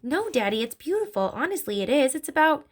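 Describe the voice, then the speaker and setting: A woman's voice: high voice, very animated, brisk, pitched above the performer's own voice. A woman voicing a clever, determined little girl who speaks earnestly and eagerly. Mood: pleading.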